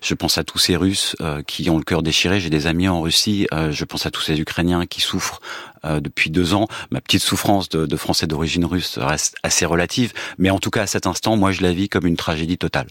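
A man giving a personal account as a guest in a radio studio interview, halting with many repetitions and fillers. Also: deep voice, a bit bright, no echo. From France. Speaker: guest, war reporter. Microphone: studio microphone.

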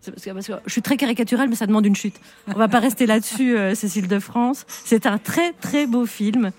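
A woman's voice: fairly high pitch, fairly quick, a little mellow. A woman radio host from Belgium with a La Louvière accent, interviewing her guest in a teasing, playful way.

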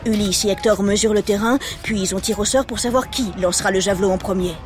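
A woman's voice: mid-range voice, fairly even intonation, fast talker. A woman telling a children's story in a playful, theatrical way, full of exclamations. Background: music.

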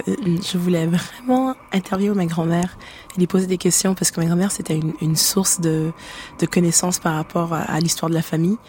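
A woman's voice: on the low side, a little mellow, slight background noise. Hesitant Canadian-born woman. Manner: hesitant, many restarts and fillers. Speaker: musician guest. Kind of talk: radio interview.

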